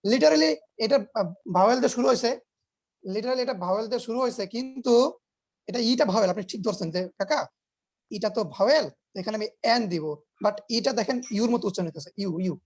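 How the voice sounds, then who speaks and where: A man's voice: extremely high pitch, fast talker. A man teaching English grammar in an online class, explaining patiently, repeating his points, quizzing students and mixing English words into his talk.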